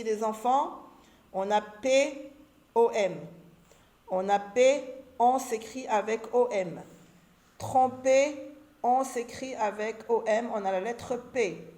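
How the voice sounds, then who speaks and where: A woman teaching a children's reading lesson, sounding out syllables and words slowly and carefully. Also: on the high side, warm tone. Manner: slow, carefully articulated syllables. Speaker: primary school teacher. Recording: echoey room.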